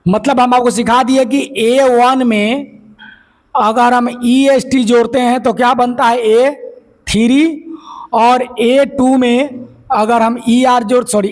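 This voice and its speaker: A man teaching English grammar as a lecture, explaining step by step and asking and answering his own questions. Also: very high-pitched. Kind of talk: classroom lecture.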